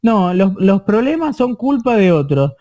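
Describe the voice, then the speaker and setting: A course instructor with an Argentine Spanish accent teaches an online course, his voice high-pitched, sing-song and mellow. He explains slowly, repeats himself often and checks in with his listeners.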